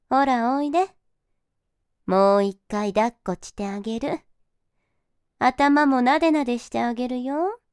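A woman's voice: fairly high pitch, smooth, no echo, studio quality. A woman voicing a domineering, motherly figure in an audio role-play, who flips between sweet coddling and cold scorn. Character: teasing domineering motherly woman, mocking then soothing.

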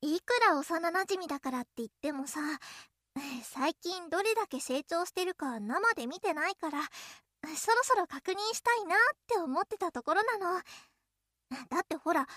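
Acted by a woman, a very high, girlish voice plays a coy, clingy young childhood friend in a Japanese audio role-play aimed at the listener. Her playful teasing has a possessive, softly menacing edge, with lively intonation at normal speed. The sound is close and dry, with no room or echo.

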